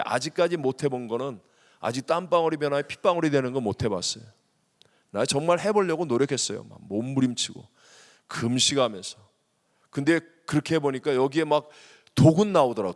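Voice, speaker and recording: A middle-aged man preaching a sermon as senior pastor, lively and acting out prayers, with swings between loud and hushed. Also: medium pitch, brisk. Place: large church sanctuary. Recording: long hall reverb.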